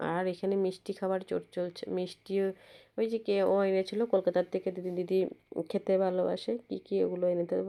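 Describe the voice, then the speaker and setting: A woman narrating a home vlog as a casual voice-over. Her voice is hoarse and cracked from a cold, and she rambles and restarts her words. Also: medium pitch, warm tone. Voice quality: husky, cracked voice. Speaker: vlogger narrating her visit. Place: indoors, voice-over recorded at home. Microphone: phone.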